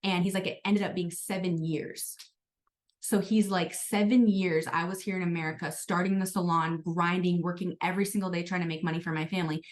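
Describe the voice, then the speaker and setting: Chatty woman leading a sales team talk, rattles along quick, a bit low for a woman. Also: steady tone. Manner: chatty, storytelling, frequent "like" and "guys". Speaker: sales team leader hosting a training call.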